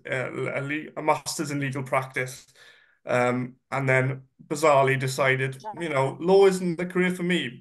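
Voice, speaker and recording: Pitched fairly high and a bit bright, this 30-something man is presenting about himself as a guest speaker. A cold makes him sound congested and slightly nasal, and he keeps it chatty and self-deprecating with plenty of ums and uhs.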